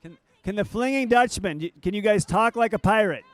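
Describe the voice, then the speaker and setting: A man's voice: high voice, expressive, a little fast, no room sound. A man announcing and commenting on robotics competition matches, upbeat and joking with the teams. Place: event hall.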